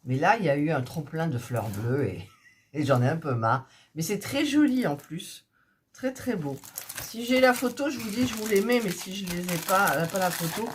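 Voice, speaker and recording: A woman's voice: fairly low pitch, a little hiss or hum. A sick, coughing woman chatting casually to her subscribers, hesitant, with many fillers as she shows her craft kits. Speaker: hobby vlogger showing diamond painting kits.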